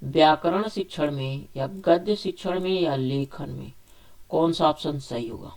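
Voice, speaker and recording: A man's voice: a little high, a little slow, darkish tone. Man teaching an exam quiz. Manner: reads each question, then asks and answers it himself; repetitive, restates options several times. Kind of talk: spoken exam quiz lesson.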